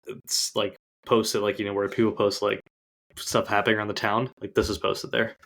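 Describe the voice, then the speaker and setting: A man's voice: lowish voice, level tone, normal speed, gravelly, fairly bright tone. A young man co-hosting a casual podcast chat, rambling along with lots of "like" fillers. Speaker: podcast co-host.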